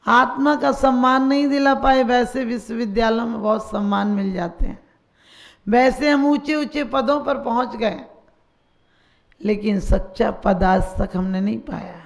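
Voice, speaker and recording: Gravelly-voiced woman preaching a sermon. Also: fairly high pitch, unhurried. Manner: rhetorical questions and blessings. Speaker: Jain nun giving a sermon.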